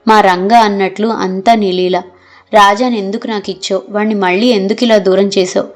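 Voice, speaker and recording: A woman's voice: mid-range voice, fairly even intonation, normal speed, natural voice. A heartbroken elderly man pours out his grief in pleading, tearful lines in a storybook reading. A woman narrator reads him in close to her own medium voice. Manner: tearful, sobbing pleas. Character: grieving elderly father, broken and pleading.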